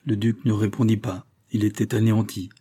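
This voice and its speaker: A man narrating a novel as an audiobook, reading in a steady, theatrical way. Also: lowish voice, a little fast, slightly rough. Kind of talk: scripted narration.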